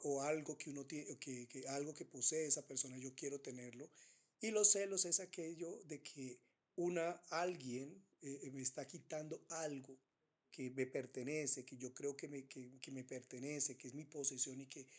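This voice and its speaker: A man giving an unscripted Bible teaching, pausing often with fillers and restarting his phrases. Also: mid-range voice, darkish tone. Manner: hesitant, many fillers and restarts.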